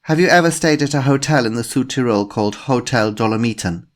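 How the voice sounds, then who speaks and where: A man voices a female police inspector with a slight German accent, politely persistent as she probes with her questions. He speaks fairly quickly in a mid-range voice pitched a bit above his own, staying close to an everyday register.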